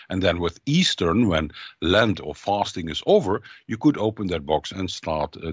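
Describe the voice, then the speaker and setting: A man from the far south of the Netherlands speaks with a Dutch accent. He tells anecdotes in a casual, storytelling way. His voice is very low and lively, and the call audio is dry and a little muffled. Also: no room sound. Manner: storytelling, animated. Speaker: guest. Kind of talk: casual podcast chat. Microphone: remote call.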